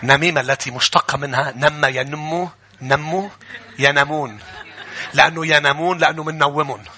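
A man with a Levantine Arabic accent preaching a sermon to a live congregation in a church. He moves from chatty asides to fervent shouting and calls on the congregation to answer him. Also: on the high side, steady tone, normal speed, noisy background. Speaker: pastor.

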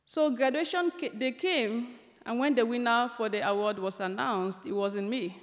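High-voiced woman telling a story in a hall. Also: normal speed. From Cameroon. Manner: warm humor, frequent ums and restarts. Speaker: author giving a talk. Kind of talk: storytelling lecture. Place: large lecture hall. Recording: long reverb of a large hall.

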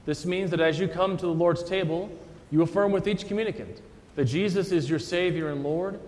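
A man reciting church liturgy as a pastor, solemn and measured, in a cathedral-like echo. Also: high voice, darkish tone. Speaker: pastor leading a communion liturgy. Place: large church interior.

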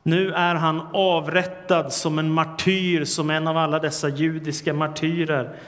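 A man preaching a sermon, earnest and measured, rising to emphatic cries on the words he quotes. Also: fairly high pitch, level tone, fairly bright tone. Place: church. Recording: long reverb of a church hall.

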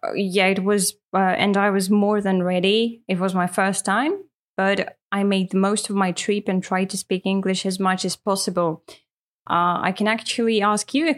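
A Russian woman whose first language is Russian co-hosts a casual podcast as an English teacher. She speaks at a moderate pace in a medium-pitched, fairly even voice, friendly and earnest, with frequent fillers.

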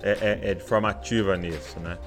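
Man, Brazilian, interview host, lowish voice, short exclamations, faint music behind. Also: fairly even intonation, brisk, fairly bright tone. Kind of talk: casual interview chat.

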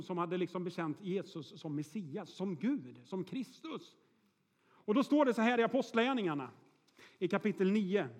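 A pastor with a high-pitched voice preaches a sermon in a large church hall. He tells stories in a chatty way, using frequent fillers like "eh" and checking in with the congregation by asking "är ni med?".

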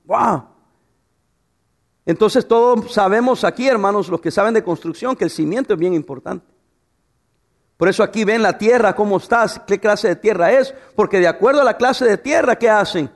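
A man's voice: high-pitched, moderate pace. A man preaching a sermon, asking rhetorical questions and telling humorous stories about his wife. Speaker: pastor.

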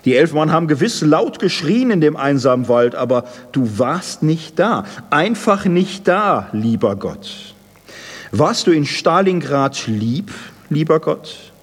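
A man's voice: big pitch swings, measured pace, breathy edge, exaggerated voice. A man reading as a bitter war survivor. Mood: bitter accusation. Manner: reproachful, low and subdued. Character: bitter young male war survivor accusing God. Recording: long hall reverb.

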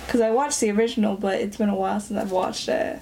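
A young woman hosting a casual podcast chat, talkative and quick to laugh. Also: medium pitch, steady tone, a little mellow, slight background noise. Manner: chatty, giggly, quick to laugh. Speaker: podcast host.

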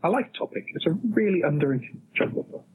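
A man's voice: fairly high pitch, expressive, fast talker, breathy edge. A man co-hosting a podcast, joking around, his voice muffled as if he is talking through a cushion while he moves around off the mic. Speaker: podcast co-host. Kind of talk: casual joking banter. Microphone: moving around off a sensitive mic.

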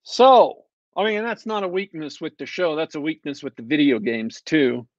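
A man's voice: on the high side, moderate pace, dry recording. A man hosting a podcast, giving a casual, sarcastic review that wanders off topic, full of ums and restarts. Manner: sarcastic, digressive, with many fillers and restarts. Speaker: podcast host reviewing a TV show. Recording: slightly dull, dry lo-fi sound.

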